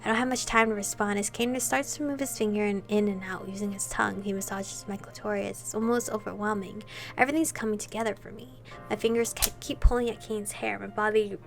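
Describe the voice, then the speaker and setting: A woman's voice: medium pitch, fairly even intonation, fairly quick, creaky. A young woman streamer reading a romance game's text aloud, playful and prone to flustered asides. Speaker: game streamer reading a visual novel. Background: faint background music.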